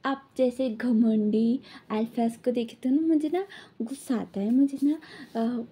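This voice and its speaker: A woman quoting a defiant young man in her own high voice, mocking and coolly threatening. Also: unhurried, dark tone, slightly rough. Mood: cool defiance. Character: defiant young man, calm but cutting.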